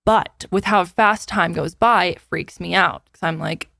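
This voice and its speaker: A woman's voice: fairly low pitch, measured pace, creaky, pushed and bright, no echo, studio quality. A woman in her twenties co-hosting a podcast, chatting casually and filling her talk with "like". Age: 20s. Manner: chatty, fills with "like" often. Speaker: podcast co-host.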